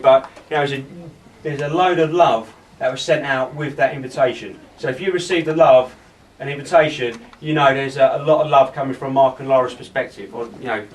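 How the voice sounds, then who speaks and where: A man giving an informal, halting wedding toast speech, often repeating himself as he addresses the guests. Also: medium pitch. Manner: rambling, halting, repeats phrases. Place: wedding reception, speaking to gathered guests. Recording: distant mic in a noisy room.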